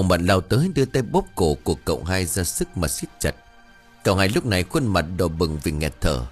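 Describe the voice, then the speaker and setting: A man's voice: on the low side, breathy edge. A man narrating a ghost story audiobook with dramatic storytelling. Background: faint music.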